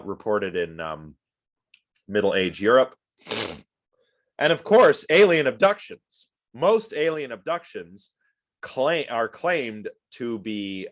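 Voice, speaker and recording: During a relaxed lecture on a video call, a man reacts to messages in the chat. His voice is fairly low, he sniffles from allergies, and his talk meanders, full of fillers and false starts.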